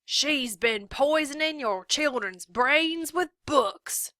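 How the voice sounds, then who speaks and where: A hateful man leading a mob voiced by a woman reading aloud bellows his words slowly and heavily. The voice rings bright and forceful, with a dry, close recording. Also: high-pitched, animated, dry recording, pitched above the performer's own voice, exaggerated voice. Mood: raging. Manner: shouting, slow and heavy. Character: angry male mob leader, loud and hateful.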